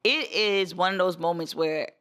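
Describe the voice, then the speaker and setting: A woman's voice: on the low side, normal speed, a bit bright. A woman from Guyana, a guest chatting casually on a podcast and telling stories with emphatic repeated phrases. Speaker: guest, event space owner.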